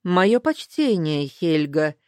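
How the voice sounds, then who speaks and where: A woman voicing a blind, caring man who speaks in a measured, steady way. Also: fairly low pitch, no echo, clean studio sound. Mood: grave. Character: blind, calm, caring man from another world.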